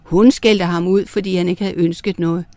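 A woman narrating star myths and a fairy tale for children, reading in a clear, gentle way. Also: fairly low pitch, steady tone, no echo. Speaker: storyteller.

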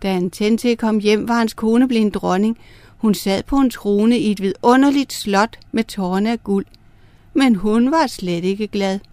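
A woman narrating star myths and a fairy tale for children, reading in a clear, gentle way. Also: mid-range voice, no room sound. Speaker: storyteller.

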